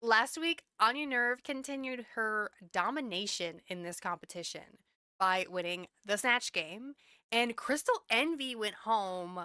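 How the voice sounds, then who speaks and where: A woman hosting a casual recap podcast, chatty and quick to laugh. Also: a little high, lively intonation, bright, forceful tone, clean tone, no room sound, clean studio sound. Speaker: podcast host.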